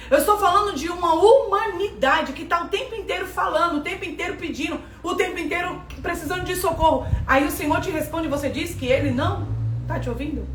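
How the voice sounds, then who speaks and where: A woman's voice: very high voice, a bit bright, slight background noise. A woman with a Brazilian accent giving a preaching lesson, emphatic and repeating phrases for stress. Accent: Brazilian Portuguese. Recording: echoey room from far off, faint ambience.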